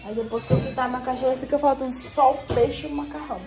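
A woman's voice: high-pitched, fairly even intonation, fast talker, over music. Chatty young woman cooking at home. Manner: chatty, addresses viewers as "gente". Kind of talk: casual cooking vlog. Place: home kitchen, indoors. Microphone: phone held at arm's length.

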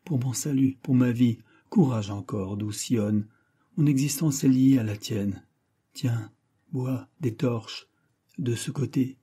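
A man's voice: medium pitch, slow pace, warm tone, breathy edge. A man voicing a fiery young Greek hero who speaks urgently and with vehemence in an audiobook.

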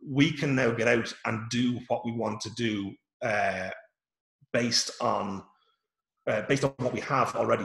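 A man's voice: on the low side, creaky, a bit bright, reverberant. A man with an Irish accent giving a casual online workshop from home, talking informally with many fillers and restarts. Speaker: workshop presenter. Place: home room. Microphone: video call.

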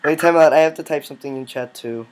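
A man's voice: on the high side, fast talker, darkish tone. A male gaming host giving casual commentary on a game with friends, teasing and bossy, often breaking into laughs.

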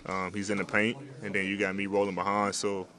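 A young man speaks in a deep voice that hardly rises or falls, answering questions after a game. He talks in a laid-back way, with many fillers and restarts. He is recorded in a locker room with several handheld reporter mics held up to him. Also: completely flat delivery, a little fast, pushed and bright. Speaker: basketball player at postgame interview. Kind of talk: postgame press interview.

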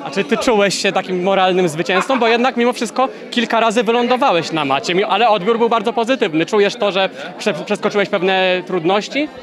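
Young guy interviewer, high voice, rattles off questions, loud crowd behind. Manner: quick probing questions. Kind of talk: sports event interview. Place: busy event press wall, indoors. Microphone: handheld mic.

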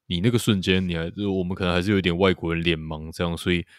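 Deep-voiced man chatting loosely. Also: fairly even intonation, very fast, clear, resonant tone, dry recording, clean studio sound. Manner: loose, rambling, many fillers and repeated agreement. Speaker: podcast co-host. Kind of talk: casual chat about a TV series.

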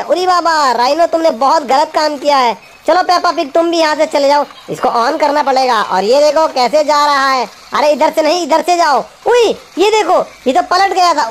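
A woman hosting a children's toy video, narrating toy play in an animated way, scolding and cooing at the toys. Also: high-pitched. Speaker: toy channel host.

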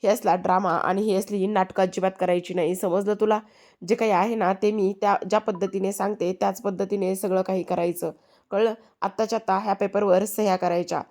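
A woman's voice: mid-range voice, steady tone, a little fast, darkish tone, natural voice. A woman voicing a domineering middle-aged matriarch who heads a family business, in commanding, scolding quoted lines from a serial recap.

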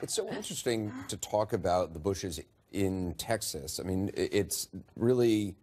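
A man's voice: low voice, sing-song, moderate pace, darkish tone. A man on a news panel speaking in a thoughtful, hedging way. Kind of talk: panel discussion.

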